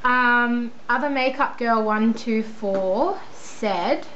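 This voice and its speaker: A woman's voice: a little high, takes it slowly, fairly bright tone. A young woman with an Australian accent chatting casually in a rambling, self-deprecating, informal way as she answers viewer questions. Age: young adult. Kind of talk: casual chat. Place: indoors at a computer. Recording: dull lo-fi sound, faint background noise.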